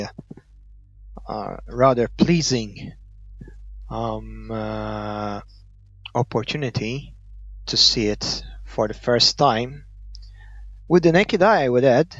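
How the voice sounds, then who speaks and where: Slow, gravelly Maltese-accented man. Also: a bit bright, dry recording. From Malta. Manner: hesitant, thinking aloud, trailing off. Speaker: gaming video creator. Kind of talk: unscripted gameplay commentary. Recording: muffled, dull low-fidelity audio.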